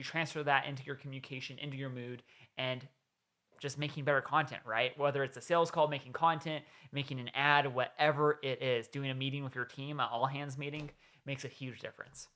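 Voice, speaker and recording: A man's voice: mid-range voice, fairly even intonation, a little fast, sharp tone. A man hosting a reaction video, giving casual coaching commentary and explaining points step by step. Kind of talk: commentary on a played clip.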